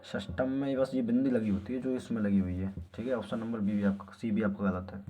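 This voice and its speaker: A man teaching an exam-prep spelling lesson in a casual way, slowly repeating words for emphasis. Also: lowish voice, steady tone, warm tone, slight background noise. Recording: dull lo-fi recording.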